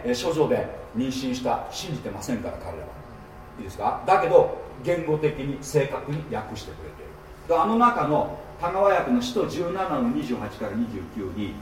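A man teaching a sermon at a seminar, his voice a bit higher than most men's and rising and falling in animated swings. He often stops to check that his listeners are following. He is recorded from a distance in a reverberant hall, with faint room ambience behind him. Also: a little hiss or hum. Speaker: pastor. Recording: echoey hall, mic at a distance.

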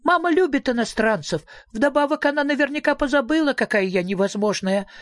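A reader voicing a small, whiny, melodramatic girl creature in a storybook, high and tearful. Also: animated, normal speed, no room sound, close to an everyday voice. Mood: whiny, dramatic. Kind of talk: audiobook character voice.

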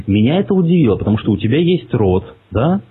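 A man's voice: mid-range voice, big pitch swings, fast, breathy edge. A man making a prank phone call in a mocking, provocative way, swearing as he goes. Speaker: prank caller. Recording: tinny phone line.

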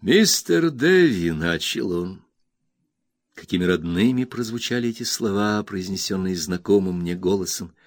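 A man reading a classic novel aloud as an audiobook narrator, measured and storytelling. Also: low-pitched, steady tone, dry recording, studio quality.

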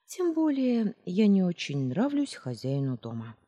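Woman voices earnest young shopkeeper, touchy, lively pitch, hall echo. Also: a little slow, full character voice. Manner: earnest, easily offended. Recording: roomy reverb.

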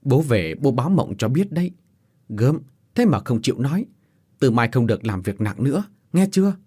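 A man's voice: mid-range voice, very animated, normal speed, warm tone, slightly rough. A man voicing a poor, earnest village father who pleads and fusses in a spoken ghost story. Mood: eager. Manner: eager, pleading.

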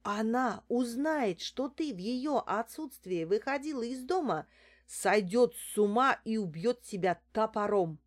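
A woman reading an audiobook, voicing a disguised female fortune-teller with a squeaky, theatrical, wheedling way of talking. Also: animated, measured pace.

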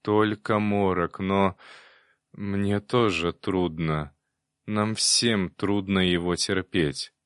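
A man voicing a calm, clever male demon companion who speaks in a measured way. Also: sits low, clean tone, no echo, studio quality.

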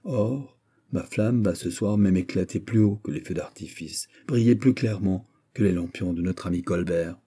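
A man's voice: sits low, moderate pace, warm tone, slightly rough. A man voicing a young king who banters gallantly in an audiobook reading. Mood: playful. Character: playful, lovestruck young king.

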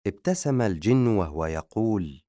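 Male audiobook narrator, very low voice, steady measured reading, dry booth sound. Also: dry recording. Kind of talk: scripted narration.

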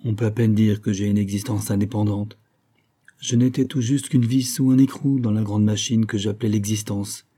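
A man reading the lines of a weary, resigned young woman in an audiobook, softly and without changing his own voice much. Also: lowish voice, steady tone, normal speed, lightly acted.

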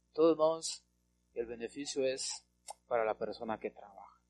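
A man preaching a Bible teaching sermon, speaking emphatically, stretching key words slowly, often asking rhetorical questions and calling his listeners brother. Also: medium pitch, a little mellow.

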